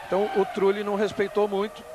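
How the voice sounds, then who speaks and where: A Brazilian man works as the analyst motorsport commentator on a live race. His voice sits somewhat high and he explains things conversationally. Clear car and track noise is heard behind him. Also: monotone, fast talker. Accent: Brazilian Portuguese. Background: race cars and outdoor ambience.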